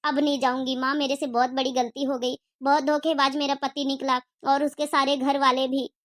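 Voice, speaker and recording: A woman's voice: high voice, level tone, normal speed, fairly bright tone. A woman voicing a remorseful elder daughter who apologizes to her mother. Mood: pleading. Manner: pleading, apologetic.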